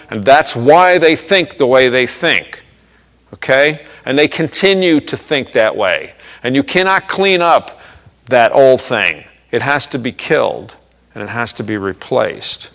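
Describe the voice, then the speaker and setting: Male pastor, mid-pitched voice, preaching casually with emphatic lifts, echoing through a large hall. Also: fairly bright tone. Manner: conversational, repeats words and checks in with "okay?"; rises in pitch and volume for emphasis. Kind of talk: sermon. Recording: long reverb of a hall.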